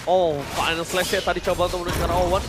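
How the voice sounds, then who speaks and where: Guy doing fighting game announcer style esports casting, really high voice, dramatic, loud music behind him. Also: flat delivery. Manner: dramatic, drawn-out hype calls. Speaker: esports shoutcaster. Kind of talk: fighting game announcer style play-by-play, shouting big calls.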